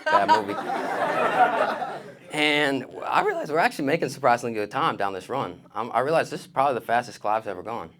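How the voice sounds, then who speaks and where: A man's voice: mid-range voice, very animated, fast talker, hardly any pauses, fairly bright tone. A young man doing stand-up on stage, telling stories in casual slang and acting out the dialogue. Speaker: stand-up comedian. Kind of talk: stand-up comedy storytelling on stage. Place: on stage before an audience.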